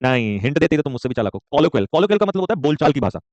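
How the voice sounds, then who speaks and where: A man teaching a live online vocabulary class, joking and rapid, often checking in with students and calling them son. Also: on the high side, very animated, no room sound. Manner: joking, rapid, keeps asking "okay?"; addresses students warmly as son.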